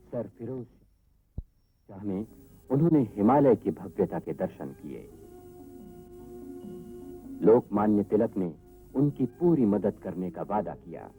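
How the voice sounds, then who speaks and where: A man giving a measured, formal documentary narration, heard from an old worn tape recording. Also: on the low side, dark tone, low-quality recording.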